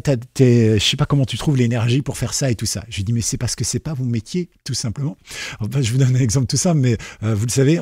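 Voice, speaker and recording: Man, friendly programming tutor; relaxed, slightly husky voice, loose and chatty, lots of "euh", dry close sound. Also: medium pitch, no echo. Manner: chatty, many fillers and restarts; explains simply, checks in with listeners. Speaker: programming teacher. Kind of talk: casual spoken tutorial.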